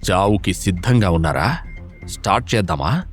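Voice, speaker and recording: A man's voice: low-pitched, expressive, moderate pace, soft background music. A man voicing a fearless, cocky young male fighter who talks with mocking confidence in an audio drama.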